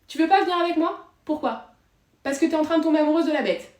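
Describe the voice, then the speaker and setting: A woman playing a blunt, sarcastic female investigator who fires off loud, rapid questions. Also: sits high, lightly acted. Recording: echoey room.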